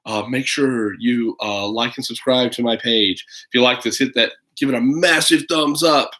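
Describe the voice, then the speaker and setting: With a sharp tone, a mid-range voice, and a normal pace, a man in his thirties reads a picture book for children online. He's a parent chatting casually on a livestream, rambling and hesitant, with playful asides.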